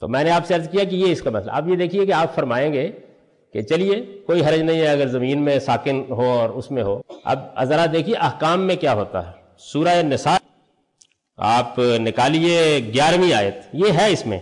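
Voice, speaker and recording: A man's voice: a little high, expressive, long reverb tail. An older man teaching a religious lesson, explaining step by step and answering his own questions. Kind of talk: lecture on Quranic language.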